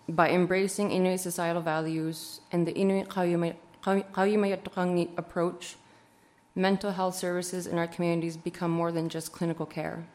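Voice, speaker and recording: A female councillor reads a prepared statement in a formal setting. Her voice sits on the low side, and she phrases things in a measured, rhetorical way. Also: darkish tone. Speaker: city councillor.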